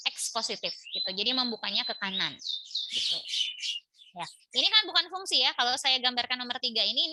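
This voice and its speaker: A woman's voice: a little high, bright, forceful tone, no echo. A woman teaching an online math lecture from home, chatty and explaining step by step with frequent tag questions. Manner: chatty, tags lines with "gitu ya". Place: home in a village by a busy road. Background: motorbike traffic.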